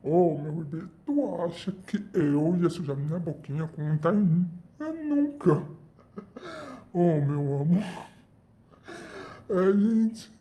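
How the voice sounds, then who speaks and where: A woman telling an acted fan role-play prank story in a dramatic way, switching between loud lines and whispered asides. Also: sits low, takes it slowly, lo-fi sound.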